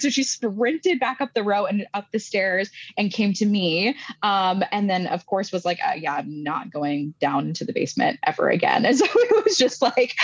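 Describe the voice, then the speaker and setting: Animated woman telling a spooky story. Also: medium pitch, no echo, dull audio. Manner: animated storytelling, says "like" often. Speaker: podcast co-host. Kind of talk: casual chat.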